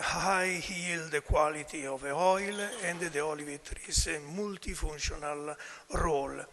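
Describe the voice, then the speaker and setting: An older man with a weak, low-volume voice gives an academic presentation in halting English. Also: sharp tone. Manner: halting delivery in non-native English. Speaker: conference speaker, professor. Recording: hall reverb.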